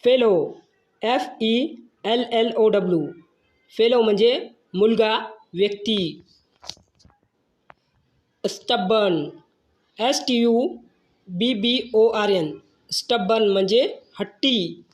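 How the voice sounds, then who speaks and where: Teacher voice, very slow and deliberate, spells words out letter by letter, mid pitch. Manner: slow, measured, spells each word then gives its meaning.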